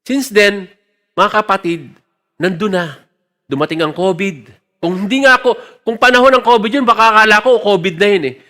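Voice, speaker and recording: A man's voice: sits high, moderate pace, bright, forceful tone. A man from the Philippines preaching a sermon, giving an emotional personal testimony and switching between Tagalog and English. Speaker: church elder preaching.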